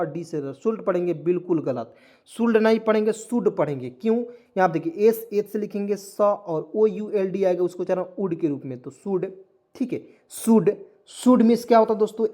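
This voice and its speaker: A man's voice: sits high, darkish tone. A man teaching English spelling and pronunciation in an online lesson, often asking a question and answering it himself as he addresses the viewers as friends. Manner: explains word by word, repeatedly asks and answers himself.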